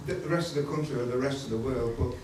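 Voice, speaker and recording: A man in the audience asking a question in a halting, hesitant way, chuckling as he goes. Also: mid-range voice, fairly even intonation. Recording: very echoey hall from far off, noise.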